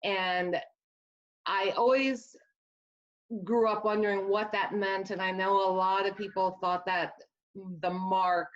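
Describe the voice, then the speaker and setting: A woman with a Midwestern accent, an author talking earnestly about her work in a casual interview, rambling a little with restarts. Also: on the low side. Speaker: author guest. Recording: dull lo-fi sound.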